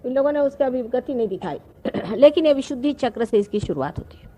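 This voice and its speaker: High-voiced woman giving a spiritual talk. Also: expressive, dark tone. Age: 50s. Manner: slow, explanatory, with pauses. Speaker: spiritual teacher. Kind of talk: spiritual discourse. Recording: archival talk recording.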